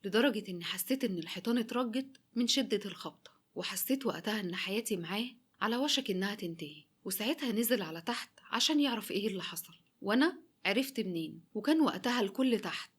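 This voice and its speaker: Young Egyptian woman narrator, rapid and dramatic, mid-pitched. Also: expressive, husky. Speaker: storyteller. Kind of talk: first-person story narration.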